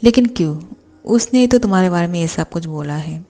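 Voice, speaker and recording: A woman reading out a jealous young boss guy begging his lover not to leave, lowish warm voice. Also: expressive, brisk. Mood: stern. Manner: pleading, apologetic.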